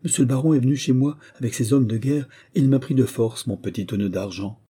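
A man's voice: medium pitch, quick pace, mellow, slightly rough, pitched above the performer's own voice, lightly acted. A man voicing a poor, frightened peasant miller who pleads and begs forgiveness. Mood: pleading. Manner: pleading and tearful.

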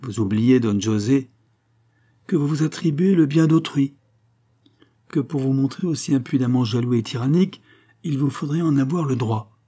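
A man's voice: on the low side, fairly even intonation, a little slow, few pauses, dark tone. A man voicing a proud young Spanish noblewoman who speaks haughtily and indignantly.

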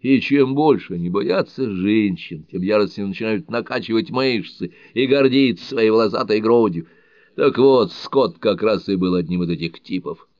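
A man reading an audiobook thriller, voicing a scornful, blunt middle-aged man who talks loudly and mockingly, on a dull lo-fi recording. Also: fairly low pitch, normal speed, dry recording, lightly acted. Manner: loud, mocking, provocative.

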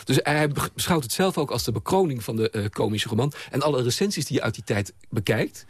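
Husky guy reviewing a book on the radio, lots of ums, dry close mic. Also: mid-range voice, lively intonation, fast talker, no echo. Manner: hesitant, many filler sounds. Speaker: book critic. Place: radio studio.

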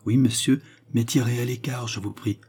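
A man reading an audiobook voices a calm, guarded German servant who speaks low and measured. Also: husky. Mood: hushed.

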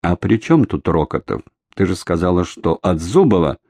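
A man reading an audiobook, voicing a calm, mocking male captor in an unhurried way. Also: sits low, no room sound, heavily acted.

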